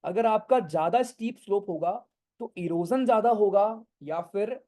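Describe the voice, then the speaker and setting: Guy teaching geography online, high voice, warm mellow sound, keeps asking the class if it's clear. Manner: explains slowly, asks the class questions, scolds students for off-topic doubts; mixes English terms into speech, keeps asking if it is clear. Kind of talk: online exam-prep lecture. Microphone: no earphones, talking to an online class.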